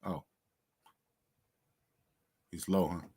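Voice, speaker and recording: Laid-back low-voiced male streamer. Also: fairly even intonation, drawn-out words. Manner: laid-back, slangy, repeats stock sayings. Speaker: host. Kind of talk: casual livestream talk.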